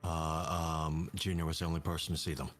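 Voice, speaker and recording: A man with a low voice runs a tabletop game as its game master. He talks in a loose, halting way, full of fillers, with faint music under him. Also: flat delivery.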